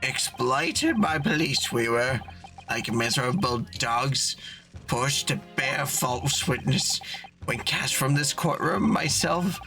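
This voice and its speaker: Theatrical old shop owner played by a man, gravelly, bright, swooping pitch, slow. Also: expressive, faint music behind, heavily acted. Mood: gloomy. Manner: theatrical, archaic phrasing, wild pitch swings. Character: doddering old male antique shop owner, melodramatic. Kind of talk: reading game dialogue aloud with voices.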